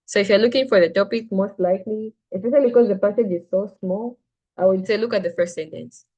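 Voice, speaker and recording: A young Zambian woman tutoring SAT reading teaches a casual class, chatty and full of "like" and "right?", often restarting sentences as she explains. Her voice is mid-range, quick and warm. The recording is muffled.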